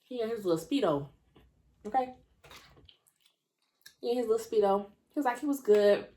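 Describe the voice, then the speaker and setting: A woman's voice: fairly high pitch, animated, normal speed, warm tone. A young woman vlogger telling a story while she eats. Her talk is chatty and sassy, she calls her viewers y'all and honey, and she chews between lines. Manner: eats between lines, mouth full of food. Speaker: mukbang vlogger. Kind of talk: casual story time while eating.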